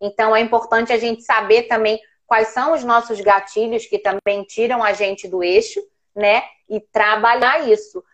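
A woman and parenting educator telling a personal story in a casual call, animated as she acts out what was said. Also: fairly high pitch, normal speed. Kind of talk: casual video-call conversation.

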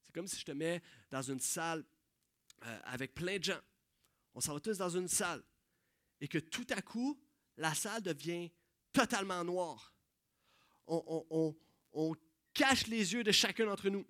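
A man with a Quebec French accent preaching a sermon, swinging from loud exclamations to hushed, soft passages. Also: high-pitched, animated, measured pace, pauses often, no room sound, studio quality.

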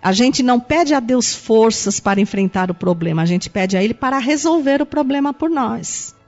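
A woman's voice: a little high, animated, moderate pace, a little mellow, dull audio, faint music behind. A woman with a Brazilian accent giving a spiritist sermon to an audience, emphatic and full of rhetorical questions. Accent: Brazilian Portuguese. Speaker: spiritist lecturer.

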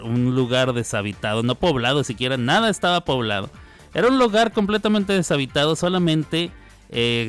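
A man, a radio host telling a joking story in a casual, chatty monologue with playful sound effects. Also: mid-range voice.

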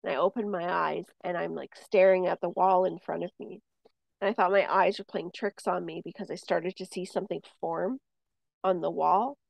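A woman's voice: lowish voice, normal speed, creaky, no echo. A woman talking casually as a medium, passing on spirit messages and telling a personal story, with many fillers and restarts. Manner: rambling with many fillers and restarts, lively when telling stories. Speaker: medium, podcast co-host.

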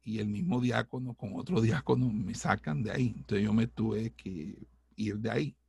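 A middle-aged man, a pastor, giving a heartfelt personal testimony in a halting way, with many restarts. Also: lowish voice, vocal fry, darkish tone, husky, no room sound.

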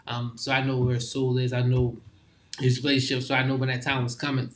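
Young man talking in halting slang. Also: medium pitch, monotone. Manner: informal slang, halting restarts. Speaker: guest. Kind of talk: casual heartfelt conversation.

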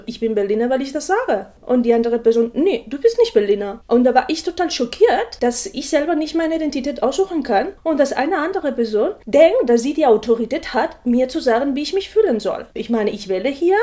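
A woman's voice: sits high, mellow. A woman earnestly recounting a personal experience, quoting what was said. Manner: earnest storytelling with reported dialogue. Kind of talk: personal account.

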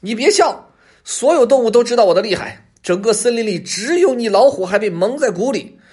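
A man voicing a sly, boastful male fox in a high, squeaky, cocky voice. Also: lively intonation, brisk, a little mellow, breathy edge, heavily acted.

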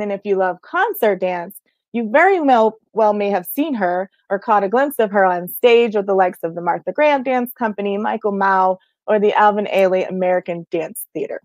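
A woman's voice: mid-range voice, darkish tone, no room sound. Casting: dramatic, upbeat woman host, dry close sound. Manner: theatrical, enthusiastic. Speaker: podcast host. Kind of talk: interview introduction and chat.

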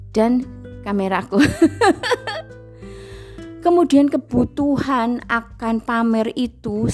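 A middle-aged woman, giving a self-mocking, animated confessional monologue about her own experiences. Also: sits high. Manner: self-mocking, animated, mimics other people's voices. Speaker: speaker sharing personal experience.

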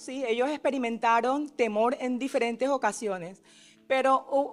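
A woman preaching a sermon who keeps asking her listeners questions and acts out the cries in the story. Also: high-pitched. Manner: asks the listeners frequent questions, adds tag questions; acts out the disciples' cries with rising force.

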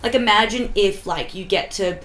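A woman in casual podcast chat, blunt and quick with swearing asides. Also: mid-range voice, fairly bright tone, a little hiss or hum, poor audio.

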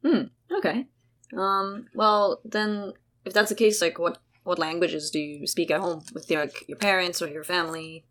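A young South African woman guest-hosts a casual chat between sisters, rambling with lots of fillers, "like," and restarts. Her voice is lowish and fairly bright, with a steady tone and normal speed.

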